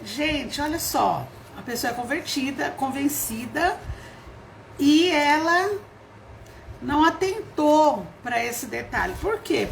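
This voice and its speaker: High-voiced Brazilian woman preaching informally. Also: gravelly, fairly bright tone, a little hiss or hum. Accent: Brazilian Portuguese. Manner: chatty storytelling, acts out quoted voices, laughs often. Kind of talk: informal sermon.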